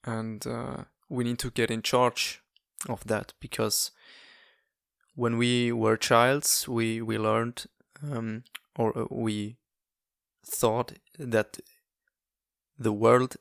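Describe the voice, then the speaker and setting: A young Swiss man, whose first language isn't English, records a casual solo podcast in English, frequently halting with fillers and restarts. His medium-pitched voice is gravelly and fairly bright, delivered flatly, and the studio sound is clean and dry.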